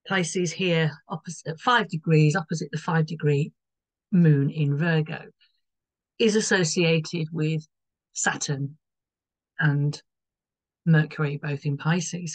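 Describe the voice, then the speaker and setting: A woman with a croaky voice explaining an astrology chart, rambling a little and correcting herself as she goes. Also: sits low, expressive, slow pace, long pauses, no echo, rough recording. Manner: rambling, loses her thread and corrects herself.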